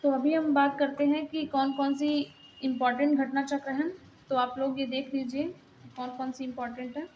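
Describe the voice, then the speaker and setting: A woman's voice: sits high, level tone, normal speed, dull audio, slight background noise. A young woman giving a casual exam-prep lesson, explaining plainly while pointing things out in a book.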